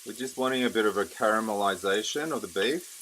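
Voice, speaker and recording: Guy doing a cooking show demo, lowish voice, loud sizzling pan and clicks behind him. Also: fast. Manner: casual step-by-step commentary while cooking. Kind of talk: casual cooking demonstration narration. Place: indoor kitchen at the stove. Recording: noisy kitchen with sizzling and clicks. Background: frying sizzle, stirring, clicks.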